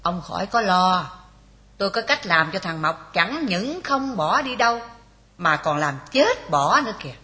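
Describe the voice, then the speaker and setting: A woman's voice: mid-range voice, sing-song, unhurried, pushed and bright. An actress playing a scheming rich landowner's wife who talks sharply to her husband.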